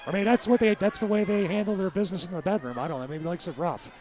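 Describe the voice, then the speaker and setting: High-voiced male wrestling color commentator. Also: racing, darkish tone, some chatter behind, a little hiss or hum. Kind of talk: casual sports commentary.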